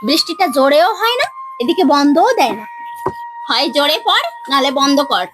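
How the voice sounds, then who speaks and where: A woman's voice: sits high, very animated, normal speed, rough recording. A woman playing a harried village wife and mother who grumbles about her daughter and pleads with her husband. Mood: grumbling. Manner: scolding, then pleading and coaxing. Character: harried village housewife and mother, young adult.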